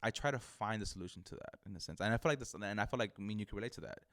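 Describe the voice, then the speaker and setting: A man's voice: fairly low pitch, fairly bright tone. A man with a lisp from missing front teeth, chatting earnestly and casually as an interview guest, often repeating words. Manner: earnest, halting with repeated words, frequent "you know". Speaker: barber, podcast guest.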